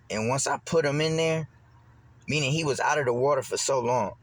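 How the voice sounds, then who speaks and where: A young man casually recounting a dream, rambling and restarting his sentences, animated whenever he quotes someone. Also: medium pitch, husky. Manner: rambling, repeats words and restarts, animated when quoting. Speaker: vlogger. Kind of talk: casual storytelling.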